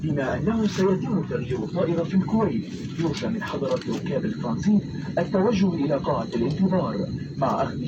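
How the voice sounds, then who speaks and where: A man of the cabin crew reading a scripted announcement over an aircraft PA. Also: fairly high pitch. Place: inside an airliner cabin. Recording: muffled cabin PA, loud aircraft noise. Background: loud aircraft cabin noise.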